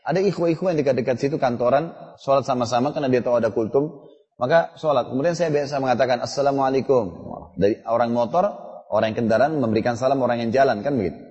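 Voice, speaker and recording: Preacher man, mellow voice in a hall. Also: mid-range voice, rapid-fire, muffled recording. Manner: conversational storytelling, addresses the audience directly. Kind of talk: Islamic sermon with personal stories.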